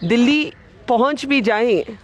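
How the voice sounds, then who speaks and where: Standing at an outdoor railway station, a news reporter interviews an elderly woman for a field report. His voice is very high-pitched with lively intonation, and he sounds earnest and measured.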